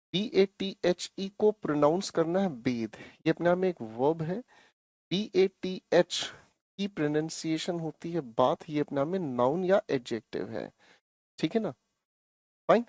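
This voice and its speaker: A man's voice: a little high, a little mellow, no echo, clean studio sound. A male teacher explaining English grammar to an online class, coaxing and repeating himself, calling the students his children.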